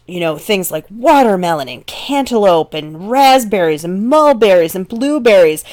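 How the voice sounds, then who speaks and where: Female literature teacher, relaxed lecture delivery, mid-range voice, keeps asking "right?". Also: mid-range voice. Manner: conversational, checks in with "right?". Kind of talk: recorded lecture.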